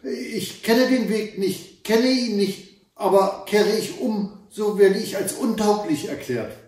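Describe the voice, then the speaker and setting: A man's voice: high voice, slow, a little mellow, voice pushed up. A man voicing a frightened young princess in a fairy tale, stammering and pleading in a raised voice. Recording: echoey room, far from the mic.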